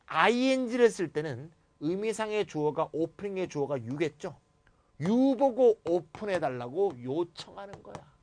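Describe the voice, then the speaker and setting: A man giving a grammar lecture. He is playful and animated, switches between formal and blunt casual speech, and acts out sample replies. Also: high voice, unhurried.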